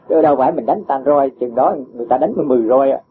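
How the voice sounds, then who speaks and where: A man's mid-range voice moves at a quick pace as he, a Buddhist teacher, patiently answers a disciple in a dharma talk. He explains through homely examples and chuckles often, and the recording is dull and lo-fi with faint hiss.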